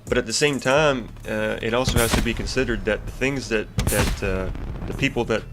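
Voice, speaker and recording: Loud music sits behind a medium-pitched male voice speaking at normal speed. He's a young, congested gaming YouTuber with a stuffy nose, casually ranting about a video game during gameplay commentary, rambling with many fillers and restarts.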